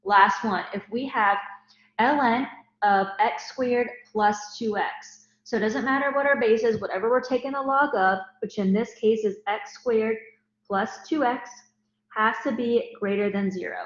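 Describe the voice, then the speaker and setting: A woman's voice: fairly high pitch, measured pace. Woman talking through math steps. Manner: step-by-step, explanatory. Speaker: math teacher. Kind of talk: recorded math lecture. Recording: roomy, dull lo-fi recording.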